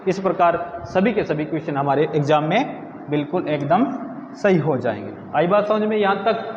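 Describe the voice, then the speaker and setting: A man teaching Hindi grammar in a video lesson, who asks students questions, answers them himself and repeats words slowly. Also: a little high, lively intonation, roomy sound, in a large hall, lo-fi sound, a little hiss or hum.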